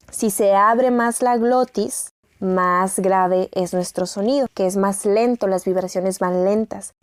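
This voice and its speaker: A woman's voice: medium pitch, no echo. A woman co-hosting a casual podcast, explaining things simply and acting out sounds as she talks. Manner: explains simply, animated with vocal sound demos. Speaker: podcast co-host. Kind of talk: casual chat.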